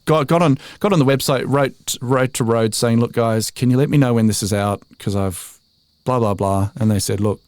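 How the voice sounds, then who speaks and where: This Australian voiceover artist in his forties talks at a normal speed in a medium-pitched, darkish voice. As a podcast guest in a casual interview, he's chatty and self-deprecating, restarting often and laughing a lot. The sound is clean studio audio with no room sound.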